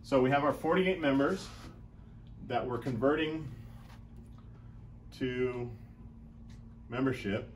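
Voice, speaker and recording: Speaking slowly with long pauses, a man in his thirties leads a casual whiteboard business lesson as a chiropractic business coach, thinking out loud as he calculates. His pitch is medium; he uses a lapel mic in a small room with slight background noise.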